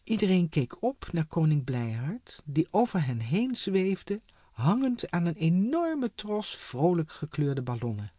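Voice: mid-range voice, sing-song, unhurried, mellow, breathy edge, no room sound. A reader narrating a children's storybook expressively, giving each character a voice.

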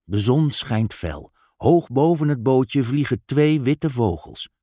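Man reading a kids story aloud, slow and singsong, dry close mic. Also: medium pitch, dry recording. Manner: slow, expressive read-aloud for children. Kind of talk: storybook narration.

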